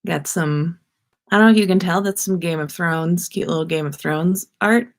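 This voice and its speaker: Excitable woman chatting on a bedroom livestream, keeps restarting sentences. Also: on the low side, normal speed. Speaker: podcast host. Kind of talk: casual livestream chat. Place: her bedroom.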